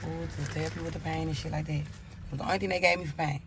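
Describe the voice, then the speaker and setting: A woman's voice: low-pitched, fairly even intonation, racing, background noise. A woman telling a personal story in a blunt, profane way, acting out her own angry outbursts as she goes.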